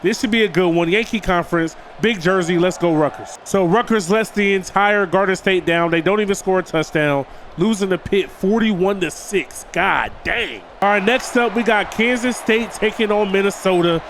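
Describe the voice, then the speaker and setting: A gaming video creator with a high, nasal voice, congested from a cold, does play-by-play over a football video game. He calls his viewers "boys" like buddies and hypes the big plays, talking at normal speed with few pauses. A steady hiss runs under the recording.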